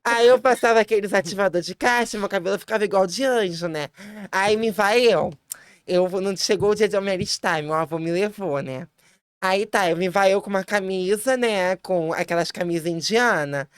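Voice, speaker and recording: A woman chats as a podcast guest and tells her story with lively, laughing energy. She restarts her sentences quickly and jumps into a high voice whenever she quotes someone. Her voice is smooth, and the sound is dry and close with no room in it. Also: dry recording. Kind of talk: casual storytelling chat.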